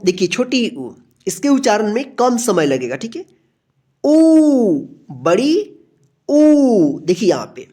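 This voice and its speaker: A woman's voice: medium pitch, dark tone. A woman teaching a beginner alphabet lesson, patient and repetitive, who draws out each letter sound and checks in with her students again and again.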